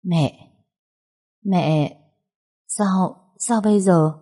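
A woman's voice: fairly low pitch, drawn-out words, dark tone, slightly rough, exaggerated voice. A woman voicing a panicked thirty-year-old daughter who stammers and wails desperately in a told story. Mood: panicked pleading.

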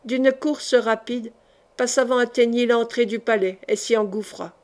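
A woman's voice: a little high, normal speed. Woman narrating a dramatic audiobook. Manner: dramatic, steady storytelling. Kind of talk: scripted narration of a historical novel.

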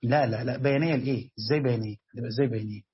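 A man with an Egyptian accent teaching a classroom lesson on Quran commentary, reading the text slowly and then explaining quickly and quizzing his students. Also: mid-range voice, slightly rough, highs cut off.

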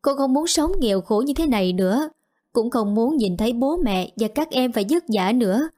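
A woman's voice: fairly high pitch, animated, normal speed, dark tone. A woman voicing a poor young village girl, timid but determined, speaking in a pleading, hesitant way in an audio story.

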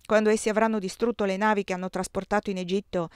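A woman reading the part of a grave, composed male general in an audiobook, speaking low, subdued and earnest. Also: little pitch movement, fast talker, smooth, dry recording, studio quality, lightly acted. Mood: earnest warning.

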